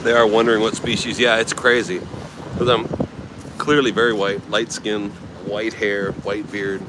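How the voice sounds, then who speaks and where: A middle-aged American travel livestreamer from California rambles in a laid-back way while answering viewers at a beachside night market. His voice is on the low side, with little pitch movement and a moderate pace, and the outdoor street recording is noisy.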